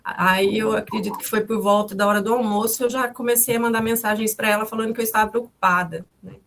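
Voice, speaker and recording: A woman's voice: mid-range voice, fairly even intonation, fast, fairly bright tone. A woman in her fifties, the mother of the victim, recounting events in a testimony. She speaks hesitantly, repeats herself and restarts often, and calls her own way of talking harsh.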